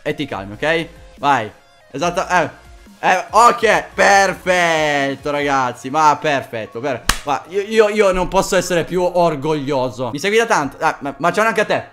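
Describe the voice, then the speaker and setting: A man's voice: on the high side, lively intonation, unhurried, a bit bright, faint music behind. A young Italian man chatting with fans on webcam in a playful, teasing way. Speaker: YouTuber. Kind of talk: joking webcam chat with fans.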